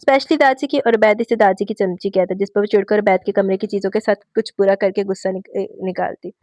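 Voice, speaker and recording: A woman hosting her own channel, reading a romance novel aloud in a lively way and voicing the characters. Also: medium pitch, fairly quick, dry recording. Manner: lively, raises her voice for quoted dialogue. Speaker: novel reader and channel host.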